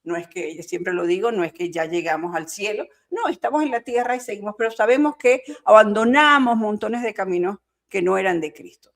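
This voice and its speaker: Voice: medium pitch, fairly quick, few pauses, fairly bright tone. A podcast host summing up the guest's story and affirming it.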